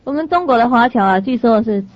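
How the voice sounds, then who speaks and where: A woman teaching a sermon through lively stories, often laughing and correcting herself. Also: fairly high pitch, quick pace, no echo. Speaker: dharma teacher. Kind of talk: storytelling sermon to an audience. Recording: dry, slightly dull lo-fi sound.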